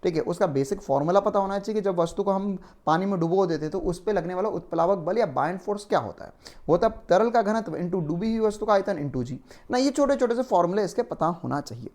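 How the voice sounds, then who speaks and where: A man's voice: high-pitched, lively intonation, fast talker, a little mellow. A male physics teacher giving an online exam-prep lecture in a conversational, explanatory way, often checking in with tag questions.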